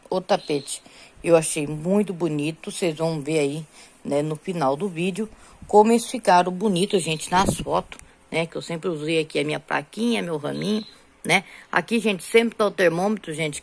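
A middle-aged Brazilian woman chatting casually in a home crochet vlog, showing her rugs and counting rows aloud. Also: fairly low pitch. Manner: chatty, repeats "gente" and "tá bom" constantly. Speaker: crochet vlogger.

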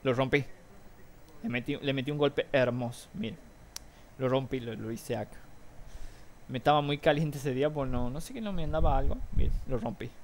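Excitable young Argentine man vlogging. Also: medium pitch, normal speed, long pauses. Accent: Argentine Spanish. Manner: excitable storyteller, mimics noises and shouts. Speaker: gaming vlogger. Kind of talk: casual chat to viewers. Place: room at home with a fan running. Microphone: cheap desktop mic. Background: faint fan hum.

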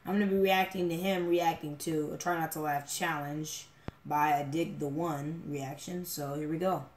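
A man's voice: a little high, steady tone, moderate pace, a little hiss or hum. A man casually introducing a reaction video to his viewers in an easygoing way. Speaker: YouTube reaction host. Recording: echoey room with music behind.

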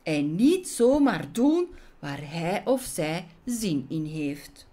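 A woman reads a children's story aloud in an expressive, storytelling manner. Her voice moves through a wide, lively melody, and she takes an unhurried, slow pace. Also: lowish voice.

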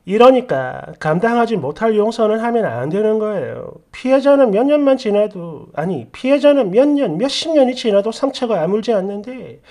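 A woman narrating a story for a story channel, then reading out viewer comments with opinionated, conversational asides. Her delivery is animated, with a wide and lively pitch range. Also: moderate pace, hardly any pauses.

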